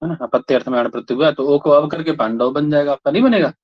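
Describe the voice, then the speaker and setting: A man's voice: a little high, fast talker. A man teaching a Sanskrit grammar class who keeps repeating his questions and prodding students to answer. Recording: dull lo-fi sound.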